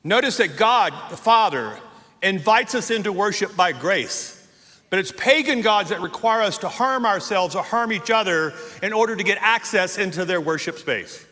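A man preaching a sermon, telling a story with animated delivery and acting out the quoted lines. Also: sits high, moderate pace. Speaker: pastor. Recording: long hall reverb.

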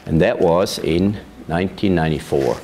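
A man, recounting his life in a measured, storytelling way during an oral history interview. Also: sits low, darkish tone, slight background noise. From Switzerland. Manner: measured storytelling with occasional laughs. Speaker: interviewee, vineyard manager. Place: his farm.

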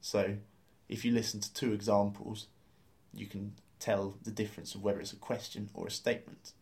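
A man's voice: fairly low pitch, level tone, normal speed, a little mellow. A man hosting a language lesson, explaining step by step in an upbeat way and laughing easily. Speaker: language course host.

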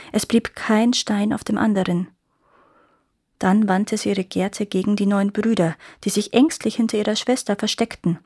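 Woman reading a fairy tale, calm even pace, dry close sound, mid voice. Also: medium pitch, no room sound. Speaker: storyteller.

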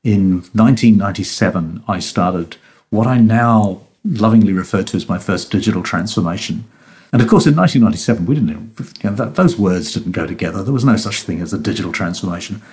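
A middle-aged man, talking casually as a podcast guest. His voice sits a little low, and he tells his stories in a self-deprecating way, restarting his sentences often and laughing at himself. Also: expressive, a little fast, a little mellow. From New Zealand. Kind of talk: casual interview chat.

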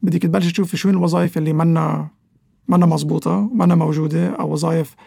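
A man with a Levantine, specifically Lebanese, Arabic accent talks quickly in a high voice with a creaky edge. He explains conversationally, like an expert guest, slipping English words into his sentences. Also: steady tone, warm tone, no room sound, clean studio sound. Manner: mixes English terms into Arabic. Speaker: interview guest, economic analyst.

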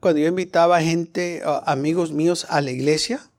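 A man's voice: on the high side, steady tone, moderate pace, a little mellow. A man preaching a sermon, telling a personal story and acting out the dialogue. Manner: storytelling, acts out dialogue in changing voices. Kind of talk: testimony sermon.

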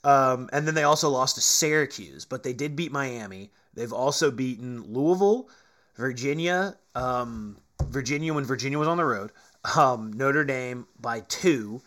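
A man's voice: mid-range voice, expressive, normal speed, fairly bright tone. Guy on a sports podcast, middle voice, blunt and teasing, rattles off stats. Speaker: co-host. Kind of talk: casual sports talk.

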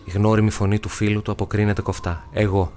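A male actor narrating a novel as an audiobook, measured, with dramatic pauses. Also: fairly low pitch, little pitch movement, a little mellow, a little hiss or hum.

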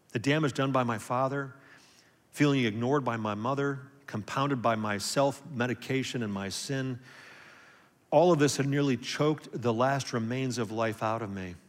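A man preaching a sermon as pastor, earnest, swinging from emphatic peaks to quiet storytelling. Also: mid-range voice, measured pace. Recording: long hall reverb.

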